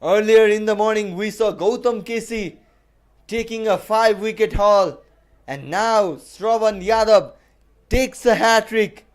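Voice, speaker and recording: A male cricket commentator with a notably high, clean and smooth voice. He calls live play ball by ball and repeats key phrases for emphasis. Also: measured pace.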